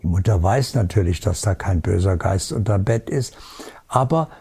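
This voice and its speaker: A man giving a spiritual teaching talk, calm and certain, stressing his points with emphasis and rhetorical questions. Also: low voice, normal speed, creaky, breathy edge.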